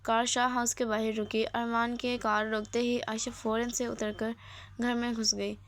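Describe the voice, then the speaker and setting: A woman's voice: fairly high pitch, level tone. A woman reading a romance novel aloud as narrator, voicing every character's lines in her own voice.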